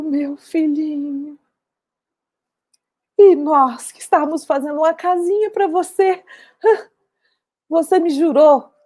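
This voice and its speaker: A woman voicing a grieving mother who wails a drawn-out lament over dead young soldiers. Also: sits high, dark tone, voice pushed up. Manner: keening, drawn-out wailing lament.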